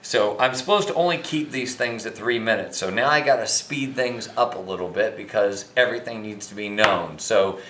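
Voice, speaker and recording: A man's voice: on the low side, normal speed, few pauses, sharp tone, a little hiss or hum. A middle-aged American man on a drunken, rambling, profane rant as a financial commentator, indignant and emphatic. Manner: emphatic, indignant, heavy swearing. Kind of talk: profane off-the-cuff rant to camera. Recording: echoey, roomy sound.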